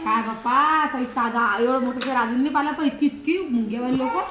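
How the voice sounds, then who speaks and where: A woman chatting in a casual, lively way with family during a vlog. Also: high-pitched, fast talker, echoey room. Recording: loud crowd noise outdoors.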